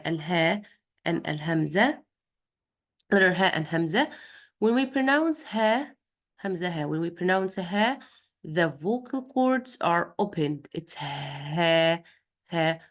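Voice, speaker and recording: Female Quran tutor, low gravelly tone, patient, slow explaining lesson. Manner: demonstrates Arabic throat sounds. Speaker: Quran recitation teacher. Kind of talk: recorded revision lesson for a student.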